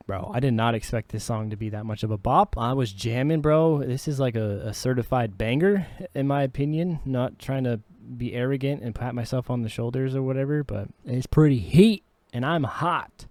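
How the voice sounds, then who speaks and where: In a chatty, slangy, relaxed vlog, a man who produces and sings talks about making his own song. He speaks at a moderate pace in a slightly mellow, medium-pitched voice, recorded without echo.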